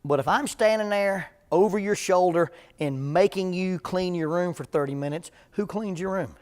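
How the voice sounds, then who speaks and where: High-voiced preacher, folksy and joking. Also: male voice, normal speed. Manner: humorous, conversational, plain-spoken. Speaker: preacher leading a parenting seminar. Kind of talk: folksy church seminar talk. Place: church meeting room with a live audience.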